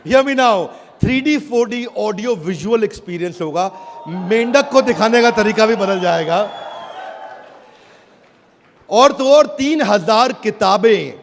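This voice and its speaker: Slow but animated, a high-pitched man with an Indian accent works the crowd at a product launch, giving a rousing sales presentation full of repeated phrases and direct calls to his audience. The recording comes from a large, echoing event hall with loud audience noise.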